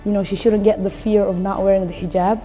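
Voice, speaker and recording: Fast and flat in delivery, this mellow, medium-pitched voice belongs to a guest book reader in her twenties. Born in Somalia and later living in Kenya, the recent graduate chats about a book conversationally, peppering her talk with "you know." She's seated against a wood-panel wall in an echoey room with background music.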